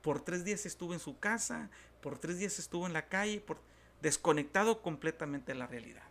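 In a talk-show interview, a pastor with a northern Mexican accent tells stories animatedly, acting out the voices of the people he quotes. His voice is on the high side and he talks a little fast.

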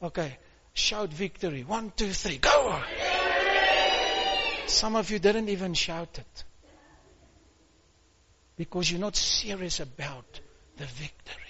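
A man preaching a sermon, calling out to his congregation and building to shouts. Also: high voice, lively intonation, unhurried, pauses often, dull audio, a crowd in the background, background noise. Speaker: pastor.

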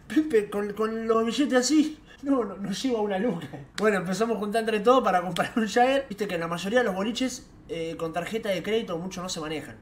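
A young man with an Argentine accent telling a night-out anecdote in casual, slangy, animated chat. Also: high-pitched, fairly quick, hardly any pauses, a little hiss or hum. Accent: Argentine Rioplatense Spanish. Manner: animated, slangy, laughs as he tells it. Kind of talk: casual storytelling.

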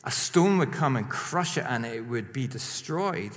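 A man preaching a sermon in a lively, emphatic way, rising to strong peaks and then dropping quiet. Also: mid-range voice, unhurried. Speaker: pastor. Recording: long hall reverb.

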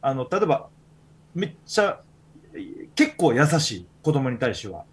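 Husky Kansai man, podcast host, easygoing chatty storyteller. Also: medium pitch, big pitch swings, a little slow. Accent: Kansai Japanese. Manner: rambling storytelling with many fillers. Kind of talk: casual chat.

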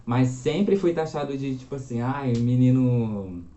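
Chatty young man, mellow roomy sound. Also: medium pitch, a little slow, lo-fi sound. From Minas Gerais, Brazil. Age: 20s. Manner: chatty, animated storyteller. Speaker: guest. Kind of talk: casual interview chat.

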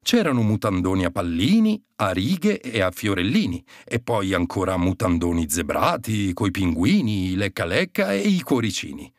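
A man narrating a children's story in an animated, expressive way on a close mic. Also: fairly low pitch, normal speed, few pauses, no echo.

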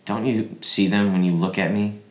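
A man's voice: lowish voice, steady tone, normal speed, natural voice. A man playing a drugged, injured young man whose mouth is bleeding, rambling and repeating himself in an audio drama. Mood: troubled. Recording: roomy echo.

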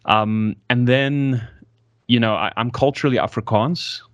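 A South African man in his twenties, guesting on a casual interview, speaks reflectively and often corrects himself mid-sentence. His medium-pitched voice is unhurried and fairly bright, with no room sound, though the recording is muffled.

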